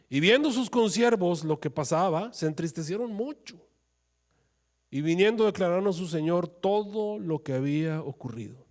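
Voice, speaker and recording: A man preaching a sermon as pastor, swinging from raised pleading to soft, low asides. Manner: preaching with sudden rises into pleading, acted quotes of prayer.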